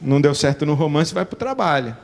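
A man with a Brazilian accent giving an animated, sardonic talk, acting out little scenes as he goes. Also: on the high side, a little fast, creaky. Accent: Brazilian Portuguese. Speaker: speaker. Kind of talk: critical talk on religion.

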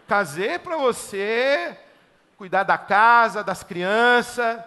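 High-voiced preacher, echoing hall. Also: male voice, animated, very slow, pushed and bright. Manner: emphatic, repeats phrases in rhythmic lists. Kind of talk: conversational sermon. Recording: long hall reverb.

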